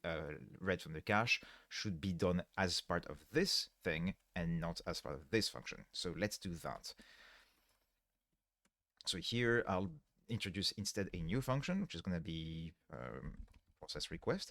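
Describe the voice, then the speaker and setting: A man's voice: low voice, fairly bright tone, no room sound, studio quality. A tired man live-streaming his coding work on a headset microphone, thinking aloud step by step and correcting himself mid-sentence as he explains. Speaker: livestreaming programmer. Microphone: livestream headset mic.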